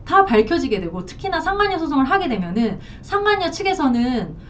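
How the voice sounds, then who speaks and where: A woman's voice: sing-song, a little fast. Blunt, emphatic woman counselor. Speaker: marriage counselor. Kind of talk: advice talk to camera. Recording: slightly distant, dull lo-fi, faint rumble.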